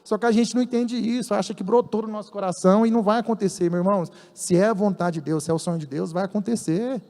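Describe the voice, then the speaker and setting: A man's voice: sits high, quick pace, dark tone, long reverb tail. A man with a Brazilian Portuguese accent preaching a sermon as a church elder, telling stories and acting out dialogue with emphasis.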